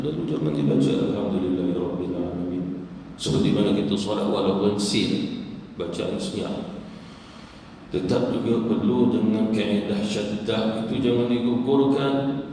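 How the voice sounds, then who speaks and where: A man's voice: on the low side, mellow, a little hiss or hum. Malaysian male preacher in echoey hall. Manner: demonstrates recitation in a chanted melodic voice. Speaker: religious teacher. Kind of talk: sermon on Quran recitation. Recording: echoey hall heard from a distance.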